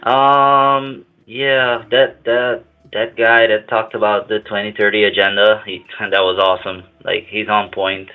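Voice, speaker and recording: A man calls in on a speakerphone, his voice set a bit low and squeezed thin by the phone line. He talks in a halting, casual way, stopping to restart and repeating words as he goes. Faint music plays under the call. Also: flat delivery, smooth. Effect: on speakerphone over a phone line. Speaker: caller.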